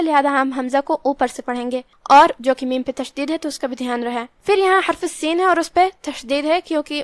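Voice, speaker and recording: High-voiced woman teaching careful recitation. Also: no echo. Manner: slow, methodical, careful articulation. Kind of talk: tajweed lesson, explaining then reciting.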